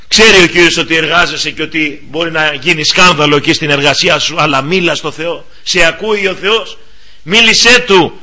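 High, piercing male preacher exhorting. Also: bright, forceful tone. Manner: earnest, exhorting, addressing the listener directly. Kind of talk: sermon.

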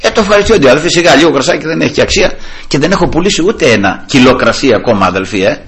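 A man preaching a sermon who keeps addressing his listeners as brothers and breaking into praise of the Lord. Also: fairly high pitch. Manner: animated storytelling, repeatedly addressing "brothers" and praising God.

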